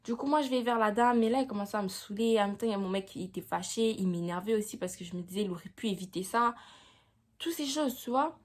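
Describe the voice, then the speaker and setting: Chatty young woman doing a story time vlog, lots of slang and "tu vois", medium pitch. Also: fast talker. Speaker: vlogger.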